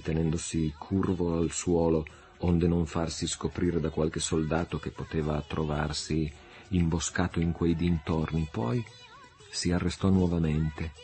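Deep-voiced man narrating an audiobook. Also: dark tone.

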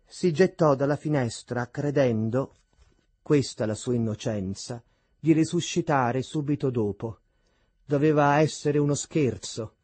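A man with a husky voice reading the lines of a meek, devout young woman, quiet and resigned. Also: mid-range voice, a little slow, dry recording. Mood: tearful.

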